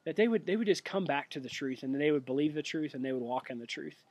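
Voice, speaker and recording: A young man who has been sick, giving an earnest, halting spoken update with many restarts. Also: fairly high pitch, animated, a little mellow, no echo. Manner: earnest and prayerful. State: sick with a cough. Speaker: missionary giving a monthly update.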